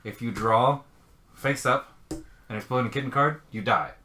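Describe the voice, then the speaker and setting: A man's voice: medium pitch, measured pace, sharp tone, slight background noise. A man co-hosting a board game show, casually explaining the rules in a playful, jokey way.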